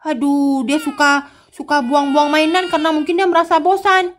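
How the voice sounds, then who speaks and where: A woman's voice: high-pitched, level tone, moderate pace, slight background noise. A woman hosting a game playthrough, speaking in a motherly way and addressing her viewers. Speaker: gaming channel host. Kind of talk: let's play commentary.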